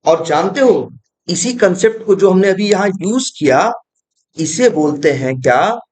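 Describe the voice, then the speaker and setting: A man's voice: sits high, expressive, measured pace, darkish tone, roomy sound. A young man teaching programming in an informal lesson, asking himself questions and answering them as he explains.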